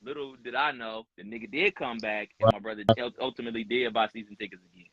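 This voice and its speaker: A man talks in a loose podcast chat with a bright, forceful voice. He tells profane stories with energy and acts out what people said. The sound is dull and lo-fi. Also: medium pitch, fast talker. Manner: animated, profane storytelling with acted-out quotes. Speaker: podcast speaker. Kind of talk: casual chat.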